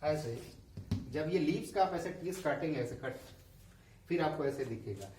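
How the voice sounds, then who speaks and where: A man's voice: fairly high pitch, expressive, moderate pace, a little mellow, a little hiss or hum. A male school science teacher with a Hindi accent, explaining a lesson and asking questions that he answers himself. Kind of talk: classroom lesson explaining diagrams. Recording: echoey room, voice a bit far from the mic.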